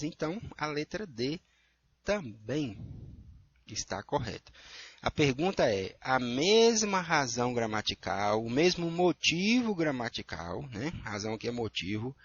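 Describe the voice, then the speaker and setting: A man's voice: on the high side, breathy edge, lo-fi sound. A man with a Brazilian Portuguese accent, a teacher going through worksheet answers and checking in with his students often. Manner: explanatory, checks in with frequent "tá?" and "né?".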